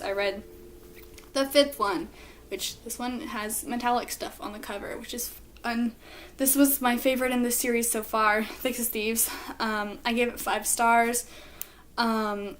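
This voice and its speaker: A woman giving a casual book review, speaking informally and hesitantly as she searches for words. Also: fairly high pitch.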